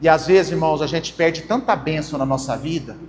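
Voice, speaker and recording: Slight background noise and long church hall reverb accompany a young adult pastor with a Brazilian Portuguese accent. His voice is a little high and brisk as he gives a conversational sermon, calling the congregation brothers.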